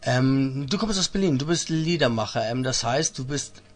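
A man's voice: mid-range voice, lively intonation, normal speed. A man hosting a casual radio interview, chatty and laughing at his own jokes. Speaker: radio host.

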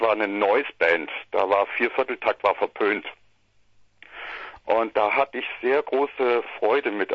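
A middle-aged musician from southern Germany, from Bavaria or Swabia, chats casually as a guest in a phone interview, rambling with many restarts. His medium-pitched voice comes through a muffled, dry phone line without echo.

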